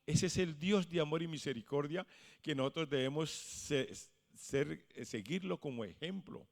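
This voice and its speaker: A male pastor preaching a sermon, swinging from hushed lines to loud exclamations. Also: fairly high pitch, moderate pace, gravelly, big-room sound. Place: church.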